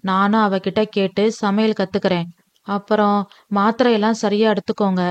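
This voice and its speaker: A woman voicing a soft-hearted young bride, devoted to her father, who speaks in a soft, affectionate way. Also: mid-range voice, level tone, normal speed, no room sound, close to an everyday voice. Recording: dull, dry lo-fi recording.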